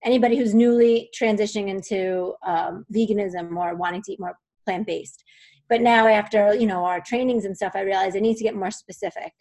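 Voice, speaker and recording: A woman's voice: medium pitch, steady tone, a little fast, a little mellow. A middle-aged woman asking for advice on a coaching call, hesitant and unsure. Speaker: coaching client. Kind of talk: casual chat.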